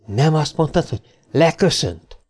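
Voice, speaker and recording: A man reading an audiobook, voicing a hot-tempered male mathematician who blusters and shouts. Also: fairly high pitch, expressive. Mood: angry.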